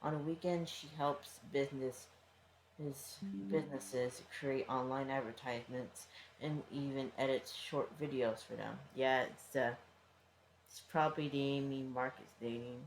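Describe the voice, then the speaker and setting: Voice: mid-range voice, steady tone, unhurried. Fanfic reader, casual first-person reading, stumbles and asides, roomy echo, faint hiss. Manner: stumbles over words, adds casual asides and swearing. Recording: roomy with faint background noise.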